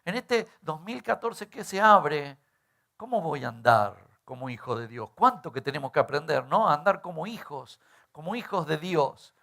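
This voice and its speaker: A man's voice: fairly high pitch, big pitch swings, normal speed, gravelly, a bit bright. A middle-aged male pastor, preaching in a conversational way and often tagging on rhetorical questions. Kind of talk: sermon.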